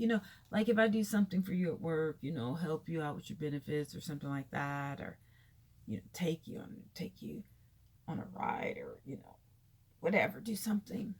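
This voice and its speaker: A woman's voice: low-pitched, darkish tone. A tired woman vlogger chatting casually and candidly about her day, telling stories in a rambling way and repeating herself for emphasis. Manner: conversational, candid storytelling with emphatic repetition.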